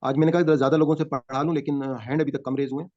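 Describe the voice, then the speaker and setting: A man's voice: a little high, little pitch movement, mellow. A man teaching a Quran translation class over a video call, patiently explaining word meanings and quizzing his students. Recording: muffled video call audio.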